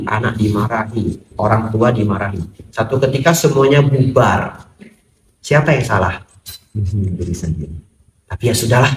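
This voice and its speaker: A man delivers a Buddhist dharma talk in a temple hall, his voice caught from a distance with plenty of room echo. He speaks with humor and acts out short exchanges between himself and the people who come to him. Faint noise sits under the recording. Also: fairly low pitch. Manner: humorous, acts out dialogues with visitors. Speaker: Buddhist monk. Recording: echoey hall, mic at a distance.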